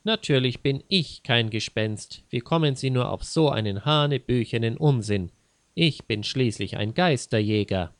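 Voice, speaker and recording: A man's voice: mid-range voice, lively intonation, moderate pace, dry recording, close to an everyday voice. A man voicing a self-important, easily offended male ghost hunter who speaks grandly. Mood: indignant. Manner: grandiose, indignant.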